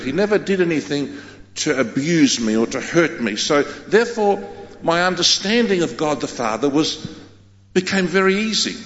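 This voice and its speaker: A male pastor from Australia whose first language is Greek preaches a sermon in a medium-pitched, animated voice, emphatic and full of repeated phrases. He is in a large church hall, and the recording sounds echoey and dull.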